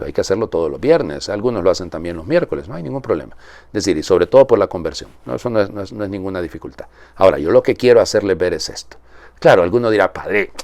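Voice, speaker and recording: A man's voice: low voice, darkish tone, dry recording. A man, a priest reading the Gospel and preaching in a chatty homily with frequent rhetorical questions. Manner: conversational, asks rhetorical tag questions.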